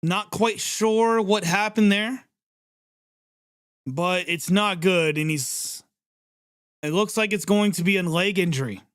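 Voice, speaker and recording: A man hosting a live sports reaction stream, calling the plays as they happen in an excitable, chatty way and reacting quickly to each one. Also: high-pitched, clear, resonant tone, no room sound, studio quality. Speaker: livestream sports reaction host. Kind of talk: live play-by-play reaction commentary.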